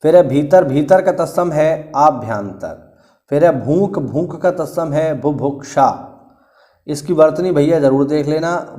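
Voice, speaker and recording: Guy teaching an exam prep class, bit higher voice, repeats words slow so u catch them. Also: mellow. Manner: explanatory, repeats key words for emphasis. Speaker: Hindi teacher.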